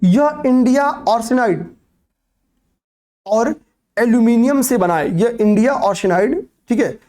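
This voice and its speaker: A man's voice: very high-pitched, expressive, unhurried, a little mellow. A young man lectures an exam-prep class in a conversational teaching voice. He circles back over each fact, asks questions and answers them himself, and keeps tossing in "okay, pay attention" to his students. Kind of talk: classroom lecture on current affairs.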